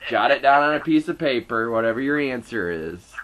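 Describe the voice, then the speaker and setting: A man's voice: medium pitch, lively intonation, fairly quick, a bit bright, rough recording. A man hosting a casual sports talk show and reading trivia, playful with hyped announcer flourishes.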